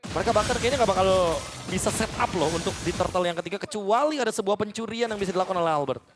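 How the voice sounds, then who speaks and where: A man's voice: high voice, quick pace. A man with an Indonesian accent giving analytical commentary on an esports match. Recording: loud music behind the voice. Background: loud music.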